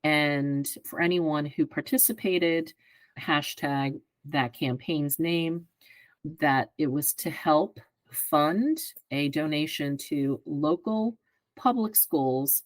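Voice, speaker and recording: A woman in her fifties, a guest on a podcast, explaining her work in a measured way and often checking in with "right?". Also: low voice, no echo, rough recording. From greater Philadelphia area. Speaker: advertising executive guest. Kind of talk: podcast interview answers.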